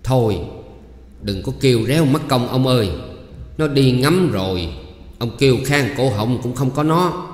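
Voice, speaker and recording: A man's voice: medium pitch, expressive, pitched above the performer's own voice, natural voice. A man voicing a cranky, nagging older farm wife. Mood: irritated, scolding. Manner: scolding, quick to bicker. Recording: echoey, reverberant room.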